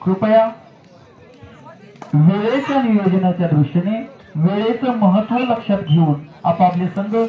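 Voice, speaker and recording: A man making formal announcements at a kabaddi tournament, heard through an outdoor loudspeaker. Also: high voice. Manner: formal, drawn-out calling of team names. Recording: echoey muffled loudspeaker with loud crowd.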